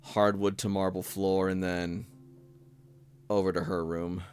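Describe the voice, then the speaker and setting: A man narrating a tabletop role-playing game as game master, measured, with pauses mid-sentence. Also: deep voice, flat delivery, darkish tone, soft background music.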